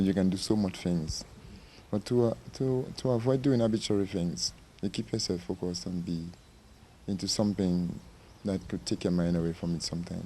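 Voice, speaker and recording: A middle-aged man from Dominica talks in a dark, mellow voice. He speaks with passion and returns to the same points in a news interview. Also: fairly low pitch. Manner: impassioned, repetitive. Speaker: interviewee, victim's uncle.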